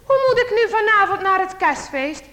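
A woman's voice: very high-pitched, expressive, normal speed, bright, forceful tone, full character voice. A woman voicing an eager, stubborn six-year-old boy who pleads with his parents in a children's storybook reading. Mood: pleading. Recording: long hall reverb.

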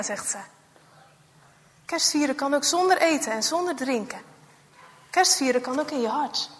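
A woman with a very high voice tells a children's story with lively, dramatic expression. She sinks to a whisper at tense moments, and her voice rings out in a long reverb.

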